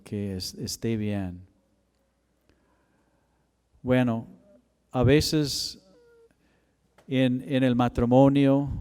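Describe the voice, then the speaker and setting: A man's voice: medium pitch, mellow, smooth. A man pastor preaching a sermon and telling a personal story with emotion. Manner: storytelling, emotional, slow and deliberate. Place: church chapel. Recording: long hall reverb.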